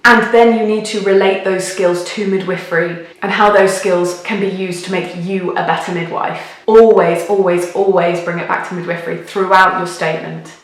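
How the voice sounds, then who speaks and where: A strong hall-like echo surrounds this British woman's voice, which sits a little low. She speaks straight to her viewers as a host giving advice. Her delivery is emphatic and encouraging, with key words repeated for stress. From United Kingdom. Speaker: video host, midwifery adviser. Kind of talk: direct-to-viewer advice video. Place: echoey, sparsely furnished room in a house. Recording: big echoey hall-like room sound.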